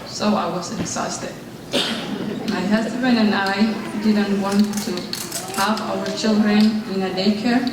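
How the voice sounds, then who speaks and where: A woman from Somalia, a graduating adult student, carefully reading a prepared graduation speech in a large hall. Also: medium pitch. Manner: reads carefully, restarts when she loses her place. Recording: echoey hall from far off, noisy.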